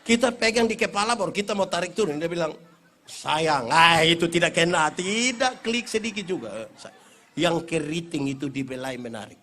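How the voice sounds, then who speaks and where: A man's voice: high voice, a little fast. A man with an eastern Indonesian accent preaching a humorous Christmas sermon, acting out stories in playful voices. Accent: eastern Indonesian (Kupang Malay). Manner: animated storyteller, acts out villagers in funny voices. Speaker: pastor. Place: church or hall event, live.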